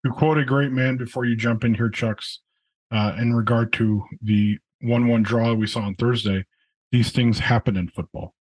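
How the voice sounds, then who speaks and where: A man's voice: medium pitch, steady tone, normal speed, darkish tone, rough recording. A man on a casual podcast, making wry remarks to his co-hosts.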